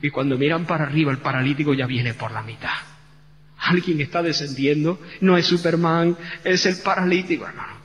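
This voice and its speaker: A man's voice: on the high side, fairly quick, a bit bright. A man pastor from Spain with a Spain Spanish accent, preaching a passionate, dramatic sermon in a church. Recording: church hall reverb with faint hum.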